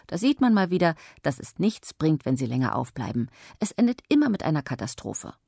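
A woman reading the lines of an annoyed father in a storybook, in a low, gravelly, husky voice. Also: big pitch swings, a little fast, warm tone, dry recording, studio quality, full character voice. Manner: annoyed, lecturing. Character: grumpy father scolding at a party.

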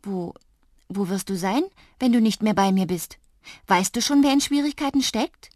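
A woman's voice: medium pitch, lively intonation, normal speed, a little mellow, dry recording, clean studio sound, natural voice. A woman playing an anxious young girl who pleads eagerly. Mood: pleading.

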